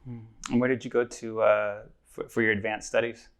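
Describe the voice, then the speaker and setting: A man's voice: lowish voice, little pitch movement, fairly quick, gravelly, clean tone. A man hosting a podcast, asking his guests plain interview questions. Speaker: podcast host.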